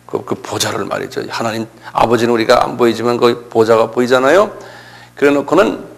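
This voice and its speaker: Gravelly-voiced man preaching. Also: medium pitch. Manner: conversational preaching with rhetorical questions. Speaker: pastor. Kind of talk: sermon lecture.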